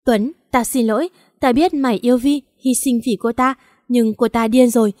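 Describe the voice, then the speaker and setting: A woman voicing a furious young male gang member who shouts in anger in a storybook. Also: high voice, completely flat delivery, fairly quick, long reverb tail, pitched above the performer's own voice, natural voice. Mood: grieving anger. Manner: angry, shouting.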